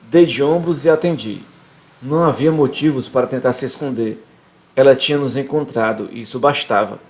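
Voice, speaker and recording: A man's voice: medium pitch, moderate pace. A man hosting a podcast, reading a novel aloud in a casual way with small slips, then chatting about the book.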